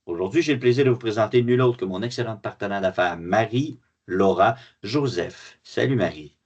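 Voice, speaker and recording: A man's voice: lowish voice, moderate pace, darkish tone, slightly rough, dull audio. A man with a Quebec French accent hosting an interview in a jovial, playful way, with many fillers, as a mortgage broker. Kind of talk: casual interview.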